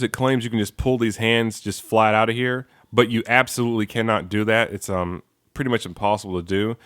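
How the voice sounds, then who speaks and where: A man's voice: lowish voice, dry recording, studio quality. A man giving a casual toy review, enthusiastic, repeating praise words and dropping frequent ums.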